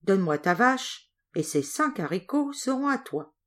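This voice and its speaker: A woman's voice: mid-range voice, very animated, a little slow, fairly bright tone. A woman voicing a mysterious male stranger who persuades a boy in a storybook reading. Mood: persuasive.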